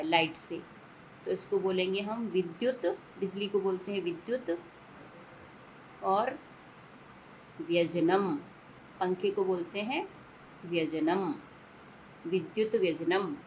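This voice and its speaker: A woman teacher explains a lesson at a slow, deliberate pace, breaking each word into parts. She talks patiently, repeating herself and asking if it is clear. A faint hiss of room noise sits under her voice. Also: medium pitch, poor audio. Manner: mixes English words into Hindi. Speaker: Sanskrit teacher.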